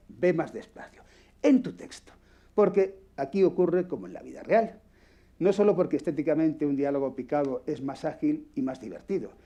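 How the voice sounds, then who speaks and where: Blunt, foul-mouthed Spanish workshop teacher. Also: male voice, fairly high pitch, mellow. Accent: Peninsular Spanish. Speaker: radio acting workshop instructor. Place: workshop room with microphone.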